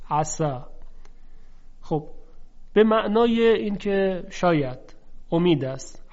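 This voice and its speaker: Man, recitation teacher, fairly high voice, deliberate, contrasts sounds slowly, muffled lo-fi recording. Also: a little mellow. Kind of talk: instructional lesson. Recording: dull lo-fi recording.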